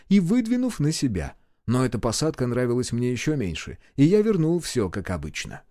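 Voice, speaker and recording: A man narrating a first-person audiobook in a brisk, wry storytelling manner. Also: a little high, dark tone, no room sound, clean studio sound.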